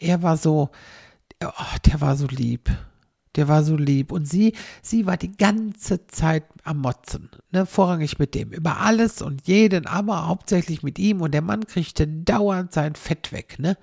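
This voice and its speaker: A woman's voice: low voice, gravelly, dark tone, breathy edge, no room sound, clean studio sound. A middle-aged woman telling rambling comic stories and tagging nearly every sentence with a questioning "ne". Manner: chatty, tags almost every sentence with a questioning "ne". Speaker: comic storyteller.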